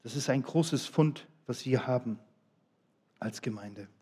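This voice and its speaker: A middle-aged man preaching a sermon, swinging between loud, emphatic appeals and quiet, low asides. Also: a little slow, husky.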